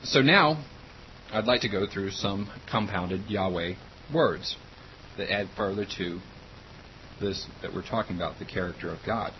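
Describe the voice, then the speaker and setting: A man with a very low voice teaching an informal Bible lesson. He explains words plainly, spells some out and reads passages aloud. The recording sounds slightly dull, with a faint hiss behind him. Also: measured pace.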